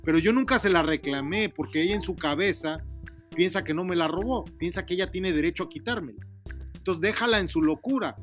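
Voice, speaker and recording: A man's voice: high-pitched, brisk, faint music behind. A man talking to his daughter in a casual heart-to-heart, earnest and preachy, lecturing her about humility. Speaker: father giving advice.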